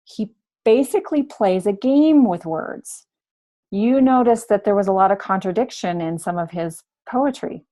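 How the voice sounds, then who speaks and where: A woman teacher giving an online high school humanities lesson, explaining slowly and thinking aloud as she goes. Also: a little mellow. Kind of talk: online class lecture.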